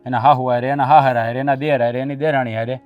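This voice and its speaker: A man's voice: mid-range voice, steady tone, quick pace, clean tone, distant mic, dull audio, soft background music, natural voice. An actor playing a village husband caught between his wife and his widowed sister, speaking in a placating, pleading way. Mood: earnest. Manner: placating, pleading, rising to shouting. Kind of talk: village family drama acting.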